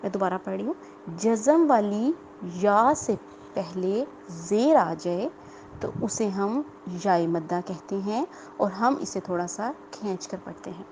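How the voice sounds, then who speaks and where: A woman teaching a tajweed lesson, explaining rules patiently, repeating them, quizzing her students and drawing out the example words slowly. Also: medium pitch, a little mellow, slight background noise, low-quality recording. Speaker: Quran recitation teacher.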